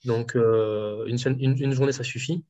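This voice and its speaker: A man's voice: mid-range voice, steady tone, moderate pace, mellow. A man working as a home nutrition dietitian, answering interview questions casually with many fillers and restarts. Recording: dull lo-fi sound.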